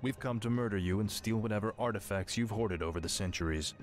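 A man voicing a brazen, cold-blooded villain in a video game, brisk and mocking. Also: lowish voice, music in the background, natural voice. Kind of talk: video game dialogue acting.

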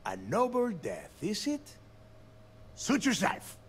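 An actor playing a cunning, bitter space pirate captain in a video game, sneering and taunting, dropping into hushed asides. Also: male voice, medium pitch, big pitch swings, unhurried, creaky, slight background noise. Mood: menacing. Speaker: game character.

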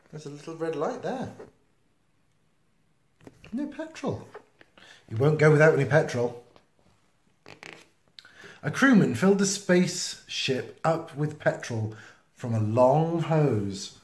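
Reading a picture book for children, this man uses a fairly high voice and a slow, expressive, playful delivery full of sound effects and asides. The echoey home video was shot close to the camera in a small indoor room.

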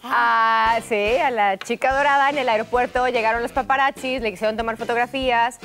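A woman's voice: on the high side, fairly even intonation, brisk, fairly bright tone, faint music behind. A woman who is a game show contestant, eager and a little nervous.

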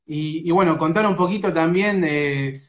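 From a small indoor room, a sports radio interviewer with an Argentine Rioplatense accent questions a young footballer over a phone live stream, recorded on the front camera with roomy, muffled audio. His slightly high voice moves at normal speed but hesitantly, with many fillers and restarts.

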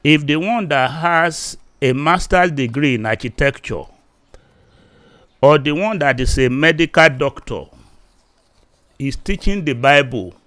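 Recorded dry on a close desk mic in a small indoor room, a Yoruba-accented Nigerian man in his fifties teaches solo in a slightly high, animated voice. He is slow and halting with lots of fillers, yet his delivery swells louder and more forceful as it goes.

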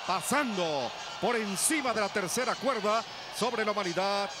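A man with a Mexican accent presenting wrestling highlights as a commentator, describing each move. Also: lively intonation, measured pace, noisy background. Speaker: lucha libre commentator. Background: loud music.

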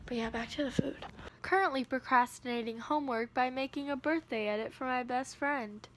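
Teen girl vlogger, high bright voice, rambling self-mocking chatter into a phone at home. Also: brisk, a little hiss or hum. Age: teenager. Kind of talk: casual vlog chat. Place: at home indoors. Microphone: phone held at arm's length.

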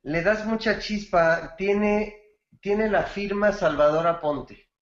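A man's voice: high-pitched, slow, highs cut off. Encouraging male songwriting teacher, roomy call. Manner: warm praise, explanatory, quotes song lyrics as examples. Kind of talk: feedback in an online class.

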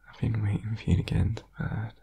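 A man playing a needy, sleepy, affectionate boyfriend in an ASMR whispered role-play, tender and clingy, with a husky, creaky whisper. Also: on the low side, little pitch movement, warm tone, full character voice. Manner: slow, tender, clingy, soothing. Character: needy, sleepy, affectionate boyfriend cuddling his partner in bed.

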